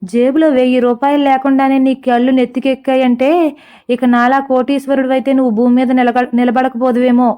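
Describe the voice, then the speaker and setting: A woman's voice: high-pitched, flat delivery, brisk, a little mellow, natural voice. A woman voicing a short-tempered rich woman who scolds sarcastically, in a comic storybook. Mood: scolding.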